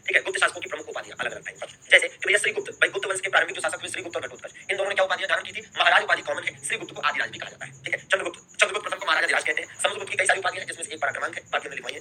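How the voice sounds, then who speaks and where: Young male teacher, fast and punchy, high bright voice, keeps asking the class "got it?", faint noise behind. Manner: repeats key terms, constant "ठीक है?" check-ins. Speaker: history teacher. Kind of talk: live online class lecture.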